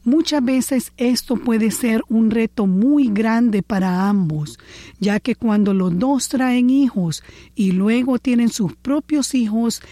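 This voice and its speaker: A woman hosting a talk show, introducing the topic in a calm, scripted, measured way. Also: on the high side, no room sound. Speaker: host.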